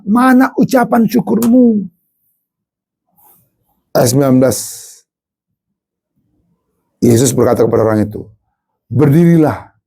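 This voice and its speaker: Pastor, dramatic sermon delivery, husky and gravelly tone, heavy on rhetorical questions. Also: warm tone. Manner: dramatic, swinging between low Bible reading and high exclamations.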